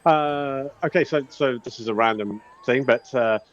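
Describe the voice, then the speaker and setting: A man narrating a tabletop game as game master in a casual, rambling, halting way. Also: medium pitch. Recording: dull, lo-fi sound.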